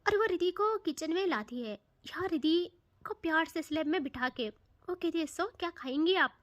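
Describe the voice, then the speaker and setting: A woman's voice: very high-pitched, lively intonation, moderate pace, no echo. A woman narrating a love story in a chatty, casual way, slipping in English words.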